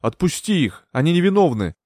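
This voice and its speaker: An indignant young gentleman, acted by a male narrator, protesting his innocence with a lively, rising voice. It is recorded close and dry. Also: on the high side, a little fast, dry recording, voice pushed up. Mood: indignant, pleading. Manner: pleading, indignant. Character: indignant young English gentleman accused of murder.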